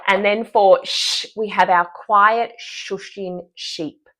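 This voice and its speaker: An upbeat woman, a speech-language pathologist, explains animal-themed cues for teaching children speech sounds. She talks at an easy mid pitch and acts out each sound as she goes. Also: steady tone, slow pace, a bit bright. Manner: upbeat, demonstrates sounds and gestures. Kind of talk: explaining therapy cues to parents and therapists.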